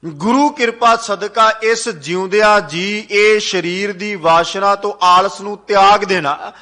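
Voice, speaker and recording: Guy preaching a sermon, high bright voice, chants verses in between. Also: a little slow. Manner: sing-song recitation of scripture lines; repeats phrases for emphasis. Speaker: Sikh preacher giving katha. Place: gurdwara hall.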